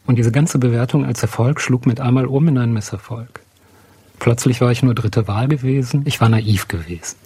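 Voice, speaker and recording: A man in his fifties, a psychologist and psychotherapist, recalling an early career episode calmly and reflectively. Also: medium pitch, fairly quick, husky, dry recording. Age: 50s. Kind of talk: interview recollection.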